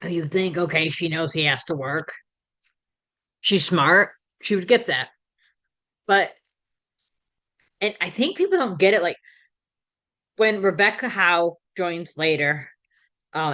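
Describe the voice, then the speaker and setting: A woman with a low-pitched but bright, crisp voice talks through a recap in a relaxed, conversational way. She stumbles and corrects herself now and then, with plenty of fillers. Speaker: podcast host. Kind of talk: casual episode recap.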